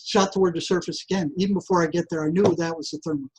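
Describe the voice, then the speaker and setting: Husky older man telling a story. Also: fairly high pitch, rapid-fire, rough recording. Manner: animated, repetitive restarts, acts out voices. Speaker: guest, psychotherapist. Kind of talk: casual interview storytelling.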